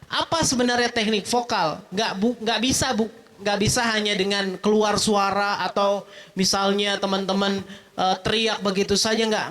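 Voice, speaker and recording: A man with a bright, high-sitting voice leads an animated workshop lecture. He fires off questions to the room and answers them himself, and he keeps things moving with a casual "gitu ya" at the end of his points. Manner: animated, with frequent "gitu ya" tags. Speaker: public speaking trainer. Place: mosque event hall.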